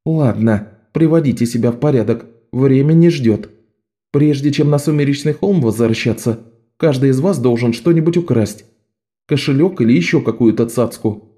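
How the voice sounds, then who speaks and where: A man voicing a bossy, sharp-tongued young girl thief who leads a gang of boys, scolding and commanding. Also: medium pitch, moderate pace, natural voice. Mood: brisk.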